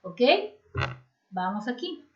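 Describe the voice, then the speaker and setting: A woman teacher, explaining a grammar lesson to children slowly and patiently. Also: medium pitch, very animated. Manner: slow, patient explaining, switching between languages. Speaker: English teacher. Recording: slightly muffled lo-fi home recording.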